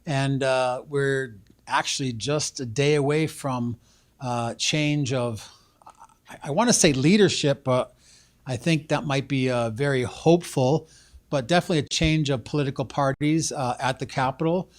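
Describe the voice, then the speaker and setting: A man's voice: mid-range voice, moderate pace. A man hosting a live local TV show, rambling casually with many fillers. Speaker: host.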